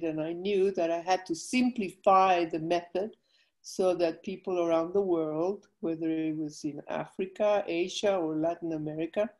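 A woman's voice: lowish voice, a little mellow, low-quality recording. An older woman from Guatemala, a foundation president, explaining her work earnestly over a video call while feeling weak from illness.

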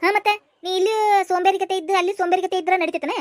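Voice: extremely high pitch, fairly even intonation, very fast, slight background noise. A voice actor putting on a nagging village mother who scolds her lazy son, with a North Karnataka Kannada accent. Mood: scolding.

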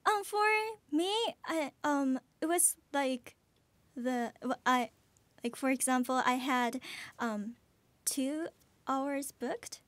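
A woman's voice: high voice, slow, fairly bright tone, dry recording. A woman in her early twenties with a cute, girlish, anime-like voice, chatting hesitantly as an interview guest in a studio. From Japan. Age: early 20s. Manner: hesitant, searching for words. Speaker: guest, voice actress. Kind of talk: casual interview chat. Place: small radio studio, indoors. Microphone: desk gooseneck microphone.

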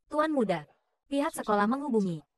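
High-voiced woman dubbing a drama. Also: animated, fairly quick. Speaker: voice actor dubbing all roles. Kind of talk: dubbed short drama dialogue.

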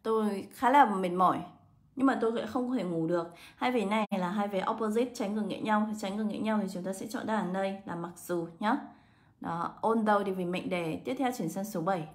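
A woman English teacher, walking students through exam answers step by step and slowing down to read English words aloud. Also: mid-range voice. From Vietnam. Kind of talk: exam answer walkthrough lesson.

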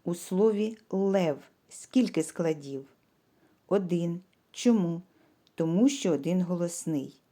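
A woman teaching young children. She is patient, asks simple questions and leaves pauses for answers, and she stretches words out syllable by syllable. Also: lowish voice, lively intonation, mellow. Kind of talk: slow, clear lesson for young children.

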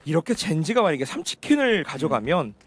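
A man's voice: a little high, very animated, brisk. A man giving live analytical commentary on a video game match as an esports caster. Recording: clear game and vehicle noise behind.

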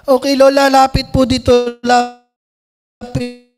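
A man's voice: very high-pitched, monotone, slow pace, over music. A man voicing a smitten male doctor who speaks eagerly and politely to his patients.

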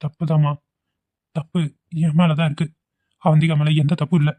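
A man's voice: a little high, level tone, normal speed, mellow. A man voicing the characters in a cartoon drama, pleading and apologetic. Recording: tinny phone-like audio.

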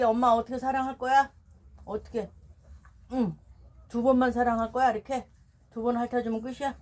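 A middle-aged woman coos to her dogs at home in fond, sing-song baby talk, repeating little words again and again. Her voice sits fairly high and she takes her time, drawing each phrase out. A dog can faintly be heard around her. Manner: cooing, playful, repeats words. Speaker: pet vlogger talking to her dogs.

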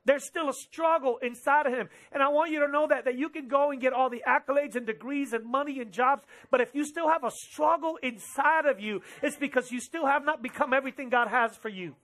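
A man in his thirties preaching a sermon from a church stage into a headset mic, animated and gesturing, slipping into quick quoted asides. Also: very high-pitched. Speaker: pastor. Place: church stage with drum kit behind, indoors.

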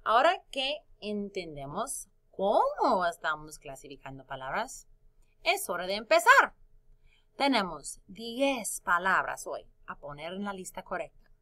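In a phonics lesson for young kids, this woman's mid-range, slightly bright voice moves through big pitch swings. She goes slowly, drawing out each syllable and singing the sound cues.

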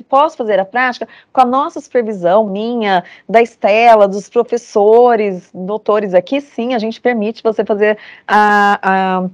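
This muffled, echo-free clip features a slightly high, darkish-toned woman in her forties from Brazil. She's a lecturer speaking to students by video call, giving a motivational talk that's earnest and emphatic, with phrases repeated for conviction.

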